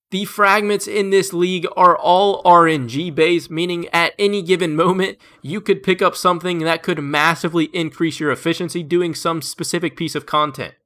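A gaming video creator narrates a scripted game tips voice-over from home, his nose stuffed up and congested. His high voice sounds bright and forceful, moving upbeat and steady from one tip to the next.

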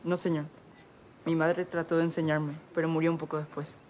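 An actor playing a naive, unschooled young lookout who asks eager questions. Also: male voice, on the high side, flat delivery, fairly quick, a little mellow, a little hiss or hum, close to an everyday voice. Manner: eager, wondering.

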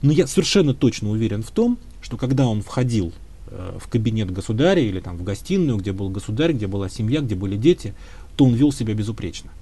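A man's voice: on the low side, sing-song, quick pace, mellow, slightly rough. A man being interviewed as a history expert, answering at length in a thoughtful, hedging way with frequent filler sounds. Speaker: historian guest.

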